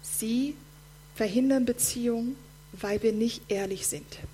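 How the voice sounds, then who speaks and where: A woman preaching a sermon in German, speaking directly and warmly to her listeners as friends. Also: a little high, a little slow, slight background noise.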